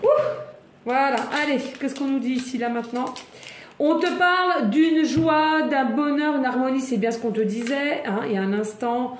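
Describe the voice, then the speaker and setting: A chatty woman reads oracle cards in a casual video, her voice sitting a little high. She talks with lots of exclamations and laughter, and slows down to repeat each message. The room is echoey, with a faint hum behind her. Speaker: tarot card reader. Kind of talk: casual card-reading video.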